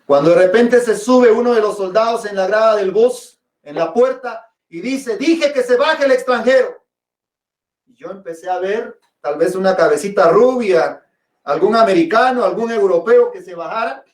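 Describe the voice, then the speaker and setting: A man's voice: high voice, normal speed. A pastor preaching a sermon, telling a personal testimony with dramatic storytelling and calling his listeners brothers and sisters. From Guatemala. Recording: echoey, from a distance.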